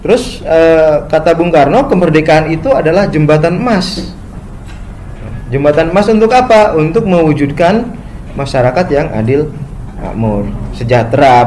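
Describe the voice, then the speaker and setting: A man giving a spoken lecture, often ending phrases with "gitu ya" and pausing on fillers. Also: a little high, a little mellow, a little hiss or hum, rough recording. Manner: frequent "gitu ya" tags, hesitant fillers.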